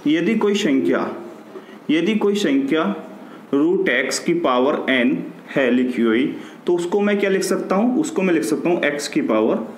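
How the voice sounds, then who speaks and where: Male maths teacher, Hindi accent, patient step-by-step explainer; roomy recording with faint hiss. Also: high voice. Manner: explains step by step, asks and answers his own questions. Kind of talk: classroom lesson. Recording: echoey room with faint noise.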